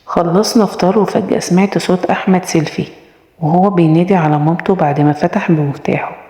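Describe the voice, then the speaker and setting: A woman's voice: on the low side, fairly even intonation, fast, mellow. A woman with an Egyptian Arabic accent narrating a first-person story, reading every character in her own voice. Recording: echoey room with long reverb.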